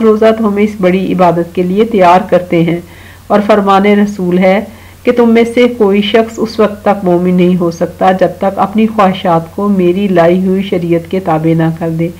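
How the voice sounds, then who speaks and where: A woman from Pakistan giving a slow, patient online grammar lesson to children, talking to them directly and reciting verses now and then. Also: medium pitch, a little mellow, low-quality recording. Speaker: teacher.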